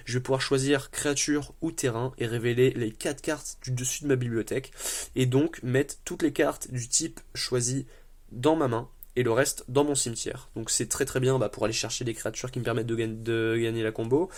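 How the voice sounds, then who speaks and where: A man presenting a card game deck in a casual way, explaining card by card, paraphrasing the rules text, with easygoing, light self-mocking asides. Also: medium pitch.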